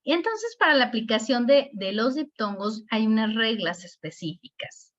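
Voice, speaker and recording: A woman's voice: on the high side, lively intonation. Mexican woman teaching a spelling lesson. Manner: explanatory, repeats words slowly to show stress. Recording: dull lo-fi recording.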